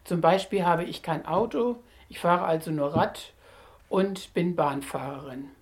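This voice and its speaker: Lower-voiced woman in her sixties. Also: unhurried. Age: 60s. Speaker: interviewee. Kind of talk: prepared self-introduction.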